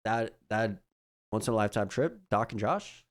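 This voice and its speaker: A young man hosting a casual chat, sick and raspy, relaxed and full of fillers, trailing off quietly. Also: lowish voice, moderate pace. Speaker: podcast host.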